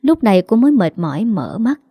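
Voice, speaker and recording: Woman narrating a romance story, steady and dramatic, mellow voice, dry close sound. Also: mid-range voice, fairly quick, breathy edge, no room sound. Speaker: audiobook narrator.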